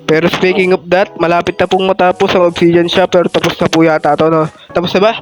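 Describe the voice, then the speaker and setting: A man's voice: high-pitched, flat delivery, quick pace. A young man with a stuffy nose and sore throat from a cold, giving chatty, casual gameplay commentary and calling out to his viewers. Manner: chatty, keeps addressing viewers as "men" and "guys". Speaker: gaming YouTuber. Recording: background music under the voice.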